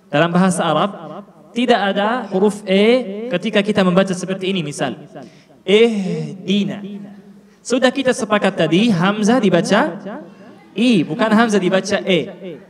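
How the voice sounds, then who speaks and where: A high-pitched man from Palestine teaches Quran recitation, deliberately repeating each syllable to model the pronunciation and quizzing the listeners. A long hall reverb rings around his voice, and a crowd is clearly audible in the background.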